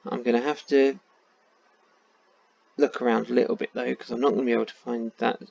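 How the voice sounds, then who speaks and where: A man's voice: mid-range voice, flat delivery, brisk, creaky, darkish tone. A man with a tired voice, thinking aloud in casual commentary while playing a map game. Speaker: game streamer. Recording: dull lo-fi sound.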